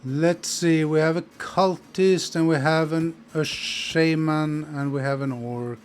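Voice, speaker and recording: A man's voice: a little high, steady tone, slow, clean tone. A man giving casual let's play commentary, hesitantly thinking aloud as he plays. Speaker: gaming video host.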